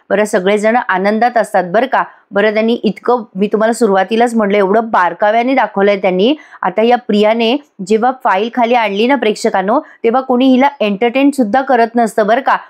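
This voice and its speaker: A woman's voice: on the high side, a little mellow. A woman giving a voice-over recap of a TV serial episode, talking straight to her viewers and lifting her voice to act out the characters' lines. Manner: retells scenes acting out characters' lines, addresses viewers directly. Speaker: TV serial reviewer. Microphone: voice-over recorded separately.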